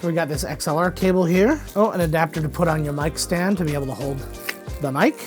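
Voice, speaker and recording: A man's voice: a little high, quick pace, a little mellow, soft background music. A man who is a YouTuber, giving a casual, upbeat and joking unboxing review of audio gear. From Canada.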